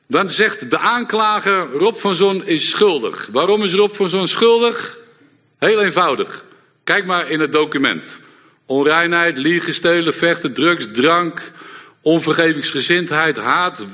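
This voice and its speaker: A middle-aged man preaching a sermon to a congregation, lively and direct, often checking in with the audience. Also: high-pitched. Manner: lively, engages audience with repeated "ja?". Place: church hall before a congregation. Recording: long hall reverb.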